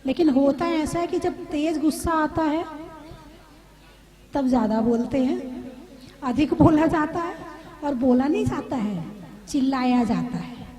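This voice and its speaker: Woman preacher, high voice, slow measured pace, conversational sermon, questions to the audience, gently humorous. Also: expressive, rough recording. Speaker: Jain nun giving a discourse.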